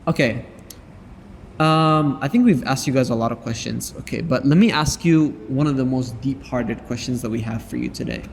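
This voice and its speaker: A man's voice: medium pitch, moderate pace, vocal fry. A man hosting a casual chat, asking questions hesitantly with many fillers. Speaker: host. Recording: roomy reverb with background hiss.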